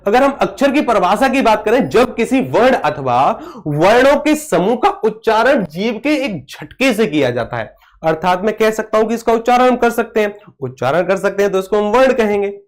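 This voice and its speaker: A man's voice: sits high, very animated, normal speed. Man teaching a live online class. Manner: repeats questions and answers them himself; reads out and answers viewer comments.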